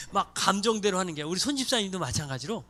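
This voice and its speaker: A man's voice: high-pitched, fairly quick. A man preaching as pastor of a church, acting out little voices of people in his stories. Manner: animated, acts out voices of congregants and students. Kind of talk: sermon. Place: church sanctuary.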